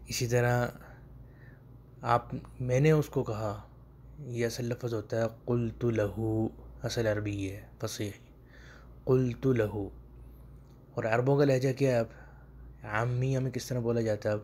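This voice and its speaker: A man teaching colloquial Arabic expressions in a recorded video lesson. His voice is warm and mellow, at a middle pitch. He explains patiently and says each example phrase slowly, with emphasis, several times over. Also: steady tone, slight background noise.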